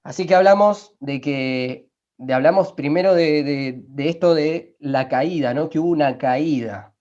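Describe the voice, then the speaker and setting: A man preaching a sermon, emphatic, slowing down to quote scripture and asking his listeners rhetorical questions. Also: on the high side, darkish tone. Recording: dull lo-fi recording.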